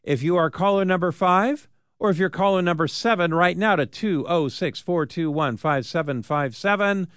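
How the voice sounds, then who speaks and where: A man's voice: high-pitched, normal speed, a bit bright, clean tone, no echo, clean studio sound. An American man hosting talk radio, delivering an emphatic, announcer-like radio contest promo that calls for listeners to phone in.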